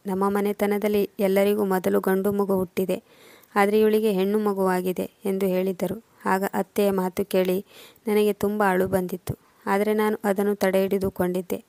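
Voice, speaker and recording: Woman storyteller, flat measured reading, mellow dry close-mic sound. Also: mid-range voice, no echo. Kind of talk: first-person story narration.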